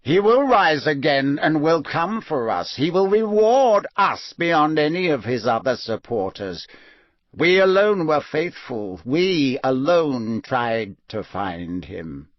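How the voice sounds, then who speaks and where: A proud, fanatical woman prisoner, as a male narrator puts her on, drawing out her words in a slow, menacing voice. The voice is only lightly raised above the narration. The recording is dry and a bit dull. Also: a little high, big pitch swings, no echo. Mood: defiant. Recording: dull, slightly muffled.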